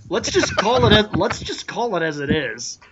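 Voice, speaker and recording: A man's voice: high voice, sing-song, normal speed, a loud crowd. A man in a casual podcast chat, giving blunt, emphatic opinions. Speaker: podcast co-host. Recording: dull lo-fi audio.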